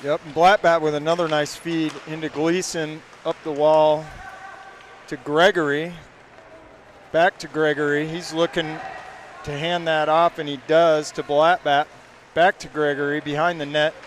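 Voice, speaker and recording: A man calls a youth hockey game play by play, reeling off passes and shots at a brisk clip. His voice sits a little high for a man. A faint hum of the surroundings stays under him. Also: flat delivery. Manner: rapid play-by-play, names each pass. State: hiccups. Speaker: play-by-play commentator.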